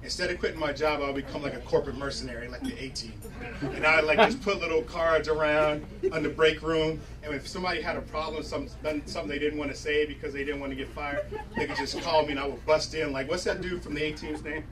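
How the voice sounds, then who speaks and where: A man's voice: a little high, fairly even intonation. A man performing a stand-up comedy set on a club stage, talking in a loose, conversational, rambling way. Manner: conversational, rambling delivery with quick asides. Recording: distant, noisy club recording with laughing crowd. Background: audience laughter and loud room noise.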